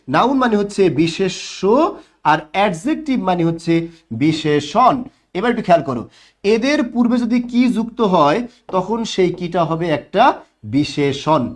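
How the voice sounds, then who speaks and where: A young male teacher runs a live online grammar lesson. His voice sits high and swings widely as he explains. He keeps asking the class to say the answer back to him.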